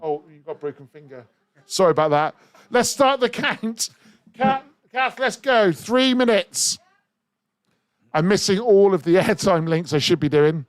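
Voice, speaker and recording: A man's high voice, free of room sound, moves at a measured pace as he hosts a live radio charity auction from the studio. Full of energy, he calls on listeners to bid with rising excitement.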